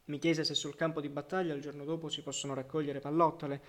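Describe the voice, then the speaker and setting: A man reading a literary novel aloud as audiobook narrator, measured and reflective, letting phrase endings fall softly. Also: a little high, level tone.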